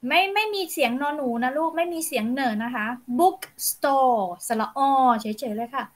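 A woman's voice: high-pitched, animated, fairly quick. A woman teaching an English pronunciation lesson to children, patiently coaching each sound.

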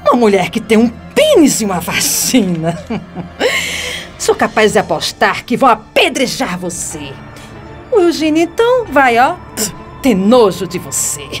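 In radio soap style over a music bed, a venomous, domineering schemer speaks in a high Brazilian voice whose pitch swoops wildly. She is mocking and emphatic, keeping a measured pace.

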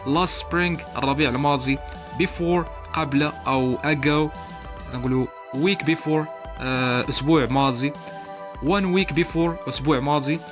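A man teaching an English lesson, with a slightly high voice. He says each verb form slowly and deliberately and repeats it. Soft music plays behind him. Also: steady tone. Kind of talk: language lesson.

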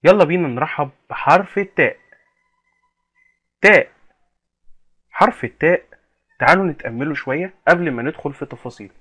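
A man's voice: a little high, fairly bright tone. A man leading a children's reading lesson in a playful, questioning way, drawing out key words. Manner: playful, questioning, drawn-out emphasis for kids. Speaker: teacher.

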